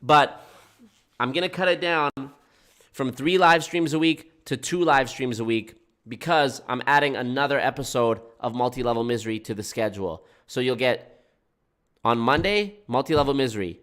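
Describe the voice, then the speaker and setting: A man's voice: mid-range voice, normal speed, fairly bright tone. A man with a stuffed-up, blocked nose talking casually and informally to viewers as a live streamer. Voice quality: congested, blocked-nose sound. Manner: informal, swearing, folksy "y'all". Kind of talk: casual livestream chat with viewers.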